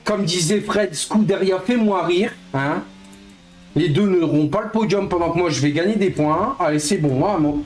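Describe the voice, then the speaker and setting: A man in his thirties streaming a racing game live, excitable and swearing, mocking himself playfully. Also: high voice, normal speed, reverberant, faint music behind. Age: 30s. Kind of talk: casual live-stream gaming chat.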